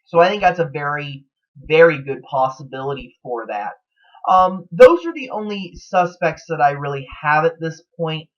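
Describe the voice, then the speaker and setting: A man with a fairly high, sing-song voice talks at a normal speed, hosting a vlog of TV show theories. His commentary is casual and speculative, delivered in a hesitant, rambling way. The recording is dull and lo-fi.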